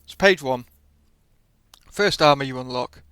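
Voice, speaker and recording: A man's voice: mid-range voice, measured pace, pushed and bright, clean tone, no room sound. A man hosting a gaming video with casual commentary, often hesitating and correcting himself as he explains.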